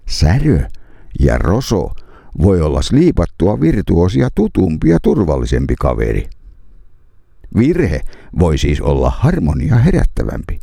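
A middle-aged pastor reads a scripted essay in a low, gravelly voice. His pitch swings widely as he builds rhetorical points with long, deliberate pauses. The sound is dry and close. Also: mellow, no echo. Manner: measured, rhetorical delivery with dramatic pauses. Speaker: pastor and public speaker.

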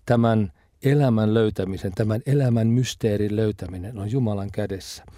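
A man preaching a sermon in a reflective, measured way, sometimes dropping to a soft near-whisper for emphasis. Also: fairly low pitch, dry recording, studio quality.

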